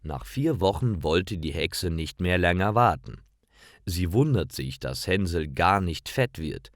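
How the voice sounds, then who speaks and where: A man narrating a fairy tale slowly and clearly for language learners. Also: low voice, no echo, clean studio sound. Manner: slow, clear, lively storytelling. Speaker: storyteller.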